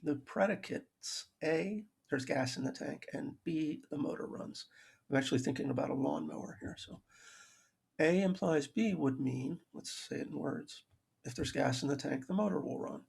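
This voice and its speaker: A man's voice: a little high, normal speed, a little mellow. A man giving a recorded math lecture over slides, explaining logic with dry self-aware humor and frequent restarts. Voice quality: gravelly, husky voice.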